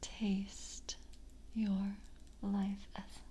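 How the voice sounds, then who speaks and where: A woman voices a poised, alluring vampire coven member for ASMR roleplay, using a soft, breathy whisper and a slow, formal, intimate delivery that is completely flat. Her pitch is medium, the mood hungry and seductive, and a little hiss or hum is audible.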